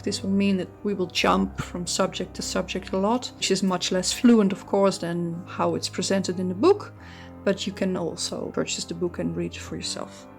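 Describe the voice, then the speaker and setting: A true crime channel host from the Netherlands, with a strong Dutch accent, narrates a casual book review while thinking aloud, full of ums and restarts. Her mid-range voice is creaky with a darkish tone.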